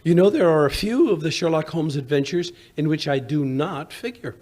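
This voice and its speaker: An actor playing a genial, self-deprecating old English doctor and storyteller, with a hesitant, old-fashioned manner in 1940s radio drama style. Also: male voice, fairly high pitch, moderate pace, darkish tone, close to an everyday voice. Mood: genial, musing. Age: older.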